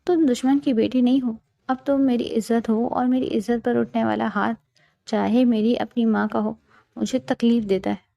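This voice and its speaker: A woman's voice: a little high, steady tone, creaky, warm tone, dull audio. A woman voicing a stern, protective young husband who speaks in a firm, commanding way in a storybook reading.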